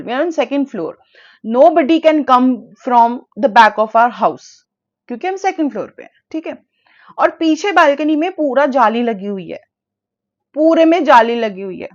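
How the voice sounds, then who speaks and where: A young woman with a high, bright-sounding voice tells a personal story in a loose, animated way. She slips between Hindi and English, full of fillers and restarts. The audio is a bit dull and lo-fi. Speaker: vlogger. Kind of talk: casual storytime.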